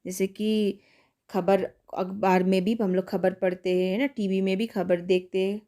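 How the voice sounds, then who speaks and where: Woman primary teacher, mid-pitched voice, unhurried lesson-style delivery, quizzing and answering herself. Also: little pitch movement, dark tone. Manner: slow, carefully spelled-out pronunciation drills; asks questions and answers them herself. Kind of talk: online classroom lesson for young children.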